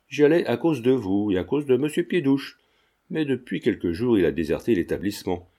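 A sly, affable old retired druggist who pretends to be deaf, read by a man. He talks in an ordinary pitch with a dark, mellow tone, like a character in a storybook. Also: lightly acted. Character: genial old retired druggist, feigning deafness.

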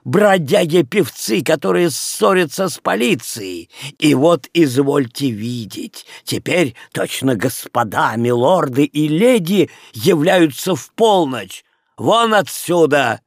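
A man voicing an indignant innkeeper who shouts through a door, his voice raised high and loud. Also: sing-song, takes it slowly, creaky, breathy edge, no room sound, clean studio sound, full character voice. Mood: furious.

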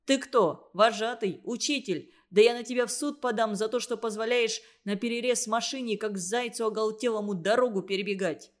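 A woman voicing an angry, blustering young male truck driver who shouts indignantly in a read-aloud story. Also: a little high, moderate pace, lightly acted.

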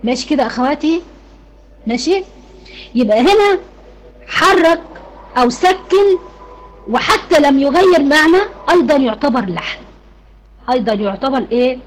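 A woman's voice: sits high, animated, normal speed, long pauses, low-quality recording. A woman with an Egyptian Arabic accent teaching an online Quran recitation class, asking her students questions and then answering them herself.

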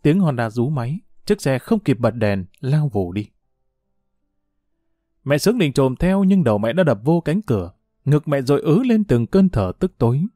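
A man narrating a dramatic audiobook story with expressive storytelling. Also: medium pitch, normal speed, no echo, clean studio sound.

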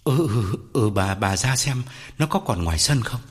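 A man's voice: fairly low pitch, expressive, moderate pace, in a large hall, pitched below the performer's own voice, lightly acted. A man voicing a domineering old landowner who stammers in fear. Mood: frightened. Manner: stammering, shaky.

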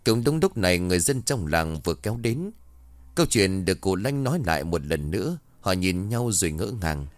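A man narrating a ghost story in a steady, matter-of-fact way. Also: low voice, fairly quick, dry recording.

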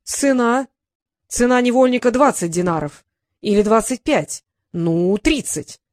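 A woman voicing a proud, brash young male apprentice wizard who talks loudly and indignantly, insisting on his point. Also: fairly high pitch, expressive, a little slow, no echo, clean studio sound.

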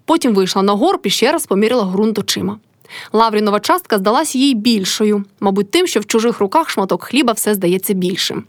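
A woman narrating an audiobook of a classic novel with expressive storytelling. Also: medium pitch, fairly quick, no room sound, studio quality.

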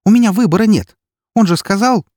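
A man voicing an arrogant, furious young elf woman, hissing and shouting in a raised voice. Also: on the high side, lively intonation, brisk, husky, no echo, studio quality, voice pushed up.

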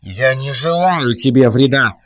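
A man reading an audiobook, voicing a weary masked male agent who speaks calmly through a metallic helmet voice changer. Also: mid-range voice, a little slow. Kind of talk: audiobook character voice.

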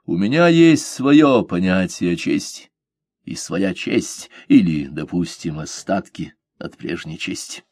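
A man voicing a courtly pirate captain who speaks calmly, courteously and with gentle irony. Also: low-pitched, slow pace, no echo, clean studio sound, full character voice.

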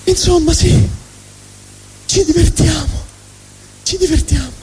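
With an extremely high, pushed-up voice and a slow pace, a man plays an angry, vulgar yet honest middle finger in a comic stage monologue at a fundraising event, faint music playing behind. His ranting is sardonic, full of indignation and wounded pride, swinging from mutter to shout. The live hall adds echoey reverb.

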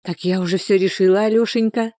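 A woman's voice: mid-range voice, fairly even intonation, a little fast, warm tone, no room sound, studio quality, natural voice. A woman reading the part of a hot-tempered village wife and mother who scolds sharply. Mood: pleading.

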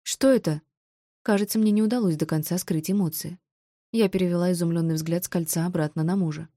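A woman reading a first-person novel aloud, wry and sharp-tongued. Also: lowish voice, fairly even intonation, fast talker, no echo, studio quality. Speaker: audiobook narrator.

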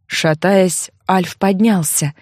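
A woman narrating a first-person novel in an even, expressive storytelling voice. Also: fairly low pitch, slow, no room sound, studio quality. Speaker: audiobook narrator.

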